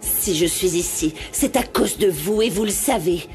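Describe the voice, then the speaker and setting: A woman's voice: on the low side, normal speed, darkish tone, faint music behind, lightly acted. An actress playing a defiant, reproachful woman, in a dubbed telenovela.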